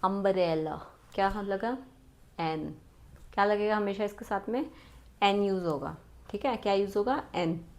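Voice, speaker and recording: A woman teaches an exam-prep grammar lesson in a mid-pitched voice. She keeps checking in with her students through rhetorical questions. Her example sentences come out slowly and word by word. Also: darkish tone.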